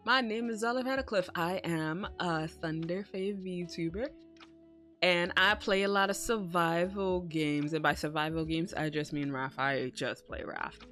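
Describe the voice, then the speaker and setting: Female streamer, bubbly and cute yet on the lower side in pitch, loose sweary chat, music underneath. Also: steady tone, a little slow, a bit bright. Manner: casually sweary. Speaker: streamer hosting a live stream. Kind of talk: casual live-stream chat to viewers.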